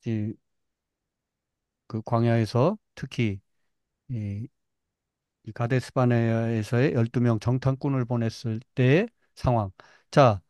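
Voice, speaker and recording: A middle-aged man leads a Bible class, retelling the story with lively, dramatic touches. His voice sits at an ordinary pitch. The sound is dry and close. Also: no room sound, muffled recording. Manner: lively retelling, acts out complaints with wails. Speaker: Bible teacher.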